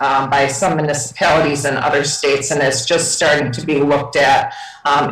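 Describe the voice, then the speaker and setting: A woman trustee candidate answering carefully at a forum, pausing often with ums. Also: low voice. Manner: careful, hesitant with many ums. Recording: echoey hall, mic from far off.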